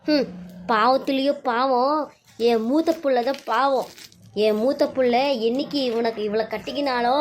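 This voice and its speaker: A woman's voice: fairly high pitch, close to an everyday voice. A woman voicing a domineering middle-aged mother-in-law who scolds and wails melodramatically.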